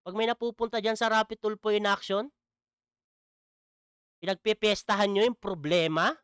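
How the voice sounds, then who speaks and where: A man's voice: high voice, fairly even intonation, normal speed, fairly bright tone, clean tone, no echo, studio quality. A man commenting in a casual vlog, mocking and asking "di ba?" again and again. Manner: mocking, repeats "di ba?". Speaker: vlogger.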